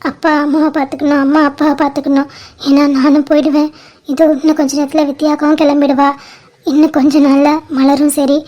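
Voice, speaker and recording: A woman voicing a gentle, dutiful young bride in an amateur cartoon, speaking slowly and earnestly. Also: sits high, dull audio, lightly acted. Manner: slow, earnest, motherly advice.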